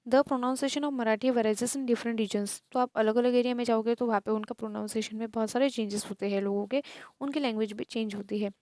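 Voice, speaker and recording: An Indian woman teacher going through a textbook chapter, slowly reading English lines and explaining them in Hindi. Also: on the high side, fairly even intonation, dark tone, dry recording, clean studio sound.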